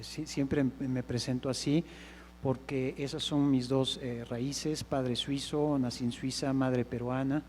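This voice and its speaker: A man's voice: medium pitch, mellow, slight background noise, rough recording. A man from Peru introducing himself as a hotelier on a conference panel, hesitant with many fillers.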